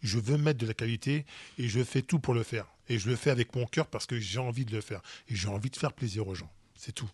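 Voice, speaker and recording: A man's voice: medium pitch, brisk, husky, no echo. A man, a guest musician in a radio studio, speaking earnestly and from the heart. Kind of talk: studio interview.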